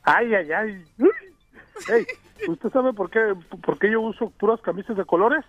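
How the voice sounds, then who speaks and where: A man's voice: sits high, sing-song, a little slow, gravelly, a bit bright, no room sound, muffled recording, exaggerated voice. A man voicing a groaning old man who tells a crude joke over the phone. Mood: sly.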